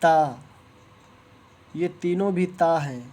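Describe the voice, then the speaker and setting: A man teaching Quran reading, who pronounces letters slowly and carefully and explains each sound in plain, patient speech. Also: on the high side, darkish tone. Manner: drawn-out, careful letter recitation with pauses. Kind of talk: slow teaching of Arabic letter pronunciation.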